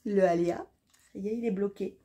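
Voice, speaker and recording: A woman from France chatting casually to camera in a knitting vlog, excited and rambling, stumbling and restarting her words. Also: medium pitch, fairly quick. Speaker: knitting vlogger.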